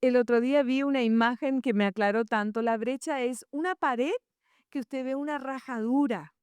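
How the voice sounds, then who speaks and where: A woman's voice: sits high, normal speed, a little mellow, clear, resonant tone, no room sound. A woman co-preaching a sermon about parenting, who explains points and asks the audience questions. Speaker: co-speaker, pastor's wife.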